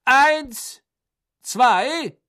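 A man voicing a jovial middle-aged male tournament announcer who calls out loudly and excitedly across the water. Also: extremely high pitch, takes it slowly, gravelly, slightly rough, voice pushed up, exaggerated voice. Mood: booming excitement.

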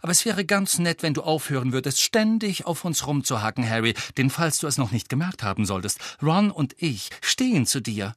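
A clever, bossy teenage witch who lectures her friends in a raised, brisk voice, as a male audiobook narrator puts her on. Her pitch climbs well above his own and swings widely. The sound is dry and close. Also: sing-song, no echo. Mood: lecturing. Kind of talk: audiobook character voice.

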